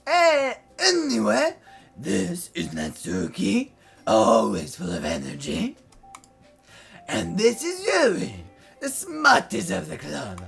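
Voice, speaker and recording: A woman puts on a cheerful teenage girl who gushes at full volume. Her voice sits high over a slow pace. Soft music plays in the background. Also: wildly swooping pitch, vocal fry, full character voice. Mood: gushing. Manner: loud, gushing.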